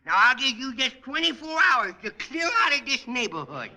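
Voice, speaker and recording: A man's voice: extremely high pitch, sing-song, normal speed, exaggerated voice. A man voicing a mischievous little boy troublemaker in a 1940s radio comedy, brash and full of bad grammar. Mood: boastful. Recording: noisy old radio broadcast.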